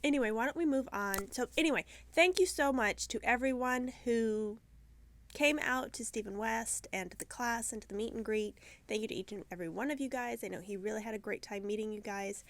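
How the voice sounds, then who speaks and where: Talking solo to her camera's mic in her yarn shop, a podcast host rambles chattily, teases herself and sometimes forgets where she was going. Her fairly high voice is brisk but croaky and stuffed-up from sinus trouble, with no room sound.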